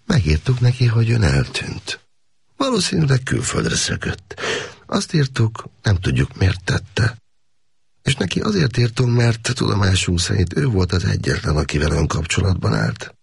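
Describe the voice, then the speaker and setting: A man reading aloud voices a stern but soft-spoken army lieutenant in an audiobook, speaking firmly and calmly. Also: lowish voice, creaky, husky, no room sound, studio quality, voice pushed up, heavily acted. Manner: firm, calm, measured.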